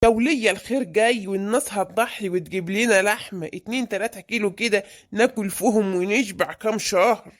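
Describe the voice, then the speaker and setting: A woman's voice: medium pitch, fast, lightly acted. A woman voicing a stingy, grumbling middle-aged husband in an Egyptian cartoon, with an Egyptian accent and a scolding, exasperated way of talking. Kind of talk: cartoon voice acting.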